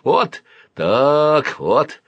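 A man's voice: on the high side, huge pitch swings, drawn-out words, dry recording, lo-fi sound, voice pushed up, full character voice. A man doing a pushy, wheedling middle-aged uncle. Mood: coaxing. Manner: coaxing, then hoarse snarling. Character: fussy, pushy middle-aged man forcing food on a boy.

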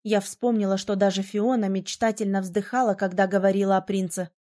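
A woman narrating a novel in the first person, reading in an expressive, lively way. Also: medium pitch, a little fast. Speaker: audiobook narrator.

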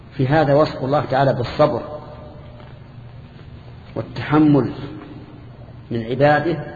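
An older man teaching a lesson to students, explaining a classical text in a measured way with restarts and questions to the class. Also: mid-range voice, darkish tone. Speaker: teacher of Islamic creed. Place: lecture hall with students. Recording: echoey hall, dull lo-fi tape with faint hiss.

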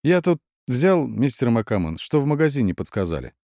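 A man's voice: mid-range voice, big pitch swings, a little fast, a little mellow, no echo, clean studio sound, pitched above the performer's own voice. A man voicing a shy, polite young police clerk who sounds a little flustered.

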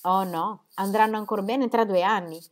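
A woman's voice: mid-range voice, steady tone, moderate pace, pitched above the performer's own voice, lightly acted. A woman voicing a cheerful, spendthrift young man who jokes and pleads, in an audiobook reading. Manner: joking, pleading.

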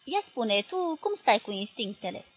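A woman reading the part of a moody young woman who speaks with cool, quiet irony. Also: on the high side, sing-song, slightly rough.

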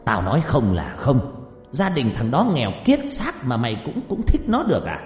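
A man voicing a wealthy, hot-tempered old landlord father who scolds and shouts harshly. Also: on the low side, sing-song, fast talker. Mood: furious. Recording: echoey reverb, faint music behind.

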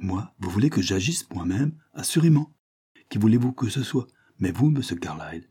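A man voicing a frightened young man on the run, talking in an agitated, pleading, high-strung way. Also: very animated, normal speed, warm tone, breathy edge, full character voice. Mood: fearful, agitated.

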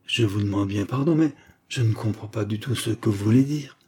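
A man's voice: on the low side, fairly quick, darkish tone, a little hiss or hum, natural voice. A man voicing a proud, wealthy man, offended and imperious toward those around him.

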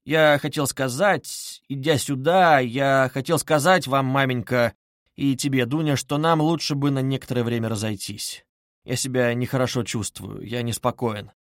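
A brooding young man speaks in low, halting phrases, grim and curt, as a man narrating puts him on. The voice stays muted and heavy. It is a dry, close audiobook reading. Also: steady tone, no room sound, lightly acted. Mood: grim resolve.

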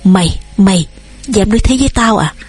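A woman voicing an old father who shouts and trembles with rage, with a husky voice. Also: mid-range voice, animated, a little fast. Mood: furious. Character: old father, furious and failing.

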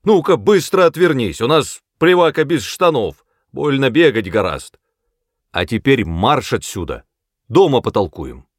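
A man reading an audiobook, voicing a gruff, hot-tempered father who barks orders loudly. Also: medium pitch, sing-song, a little slow, no room sound, clean studio sound, voice pushed up. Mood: angry shouting. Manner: loud, bossy shouting.

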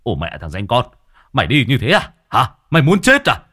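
A man voicing an aggressive truck driver who curses and yells. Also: medium pitch, wildly swooping pitch, moderate pace, breathy edge, full character voice. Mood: furious. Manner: cursing, shouting. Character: angry male truck driver, rough and aggressive.

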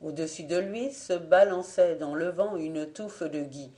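Audiobook reader: woman, mellow lowish voice, measured storytelling. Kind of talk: reading a classic French tale aloud.

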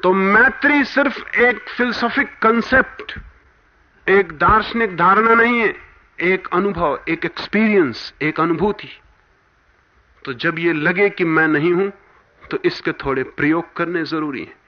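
Male spiritual teacher, high voice, emphatic sermon delivery, dull archival sound. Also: a little slow. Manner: emphatic, swinging between forceful rises and hushed drops. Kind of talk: spiritual discourse. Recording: dull lo-fi archival talk recording.

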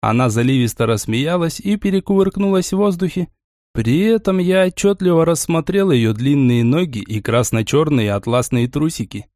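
Man, first-person audiobook narration, slightly higher voice, expressive, dry close recording. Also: moderate pace, no echo.

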